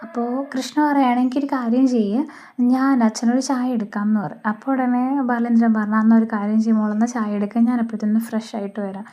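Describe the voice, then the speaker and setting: A woman's voice: fairly high pitch, steady tone, a little fast, dark tone, lo-fi sound. A woman with a Malayali accent retelling a TV serial episode in a casual, chatty way, voicing the characters' lines herself. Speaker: serial recap narrator.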